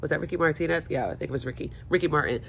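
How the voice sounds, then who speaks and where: Creaky and low-pitched, this woman talks very fast in a casual vlog, rambling and poking fun at herself while stuffy and hungover. She's at home in a room by the windows speaking into a held or propped phone that picks up a little hiss or hum.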